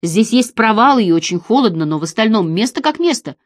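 A frail, frightened young woman pleads from somewhere far below, as a woman reader puts her on. Her voice lifts higher and swings widely between fear and weariness. The reading is dry and close. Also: animated, a little fast, no room sound. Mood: plaintive. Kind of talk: audiobook reading.

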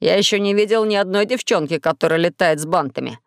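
Storybook role: playful boastful alien boy, lower and dry, read by a woman. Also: fast, no echo, natural voice. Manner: sly and boastful. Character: cheerful blue-faced alien boy inventor, playful.

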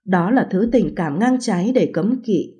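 Woman reading a story aloud, dark mellow husky voice, calm and steady. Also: mid-range voice, measured pace. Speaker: story narrator. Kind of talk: first-person audiobook narration.

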